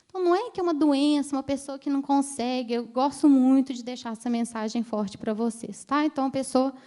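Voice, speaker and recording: A woman's voice: high voice, fast talker, warm tone. A woman, telling patient stories in a chatty way during a conference talk. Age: 30s. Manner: chatty storytelling, addresses the audience directly. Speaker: ophthalmologist giving a conference talk.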